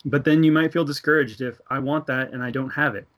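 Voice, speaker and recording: The audio is dull, carrying a mid-range male voice that's brisk with fairly even intonation. He's an American in his thirties telling a personal faith story earnestly in casual religious conversation, laughing at times and acting out other people's voices.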